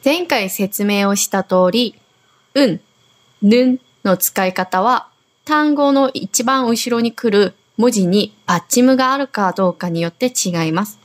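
A woman's voice: medium pitch, unhurried. A Korean woman hosting a radio language lesson, patiently explaining grammar and modelling words to repeat. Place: Okinawa.

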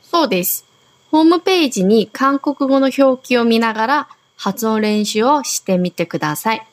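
A woman's voice: on the high side, expressive, moderate pace. A Korean woman hosting a radio language lesson, patiently explaining grammar and modelling words to repeat. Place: Okinawa.

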